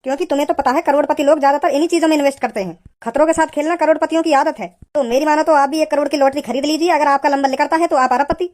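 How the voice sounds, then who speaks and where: A woman's voice: high voice, fairly even intonation, a little mellow, natural voice. [name], a woman voicing a pushy cartoon salesman. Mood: persuasive. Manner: persuasive, fast sales patter. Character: smooth-talking male lottery salesman, pushy. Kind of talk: cartoon voice acting.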